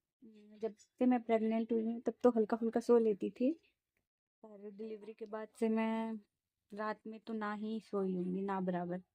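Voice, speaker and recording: Mellow-voiced young mother vlogging at home. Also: medium pitch, no echo. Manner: soothing sing-song coaxing to her baby. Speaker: mother vlogging her day. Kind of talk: casual home vlog talk.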